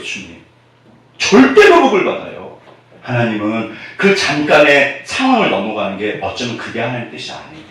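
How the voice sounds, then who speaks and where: Animated male pastor preaching in an echoey hall. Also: sits high. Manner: animated, call-and-response questions to the congregation; swings between loud emphatic bursts and near-whispered asides. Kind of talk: sermon. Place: church sanctuary. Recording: echoey church hall, mic at a distance.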